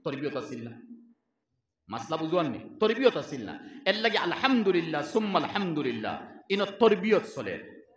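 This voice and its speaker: A man's voice: high-pitched, roomy sound. A man with a Sylheti Bengali accent preaching a sermon, telling stories and acting out the voices in them. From Barak Valley, Assam. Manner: animated storytelling, acting out voices in quoted exchanges.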